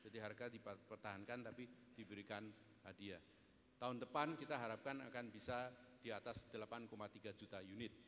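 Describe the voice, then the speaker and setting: A man speaking as an industry guest on a panel, giving measured answers full of figures, his voice heavy with hall reverb. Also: fairly low pitch, steady tone, fairly bright tone. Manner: measured, explains with figures and pauses. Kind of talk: interview answers. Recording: echoey hall sound, faint background hiss.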